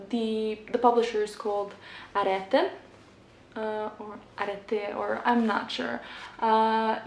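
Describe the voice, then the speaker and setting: A woman's voice: on the high side, vocal fry. Chatty woman with many fillers, echoey room. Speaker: book vlogger. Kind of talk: casual book haul chat. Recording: echoey room, faint background noise.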